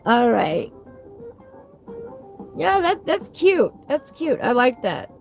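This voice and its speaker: Female casual vlog host, fairly high voice with a whistle on her S's, folksy and gushing, faint music behind. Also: very animated, slow pace, creaky, a little mellow. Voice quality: whistling S sounds. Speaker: host of a coloring book channel. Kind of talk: casual live chat while flipping through a book.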